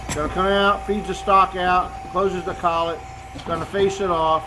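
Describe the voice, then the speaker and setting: An older man talks as a machinist explaining a process step by step. His voice sits somewhat high for a man, and his delivery is plainspoken and casual. There is obvious machine shop noise around him. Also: little pitch movement, moderate pace. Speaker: machinist demonstrating his lathe. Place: indoor home machine shop. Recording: noisy machine shop background. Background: running machinery noise.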